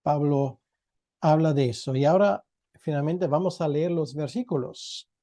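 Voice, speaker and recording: A male Bible teacher delivering an expository sermon at an unhurried pace. His voice sits fairly high yet sounds soft and mellow. He pauses often and poses questions to his listeners before answering them. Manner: measured, with frequent pauses and rhetorical questions. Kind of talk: expository sermon with scripture reading and prayer.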